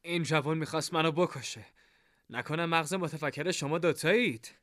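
A man's voice: on the high side, a bit bright, dry recording, clean studio sound, pitched above the performer's own voice, lightly acted. A man voicing a haughty, suspicious young male heir who talks bluntly.

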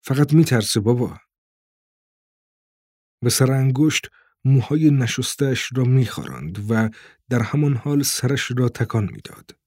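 A man reading a novel aloud in calm, measured narration. His voice is husky with a breathy edge, and the recording is close and dry with no room echo. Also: medium pitch. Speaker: audiobook narrator. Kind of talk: scripted narration.

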